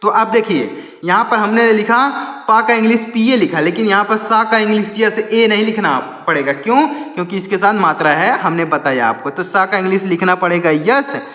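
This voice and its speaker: High-voiced man teaching in an echoey room. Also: normal speed, pushed and bright. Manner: repeats questions to viewers and answers them. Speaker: English teacher. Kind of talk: explaining a lesson step by step. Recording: echoey room with long reverb.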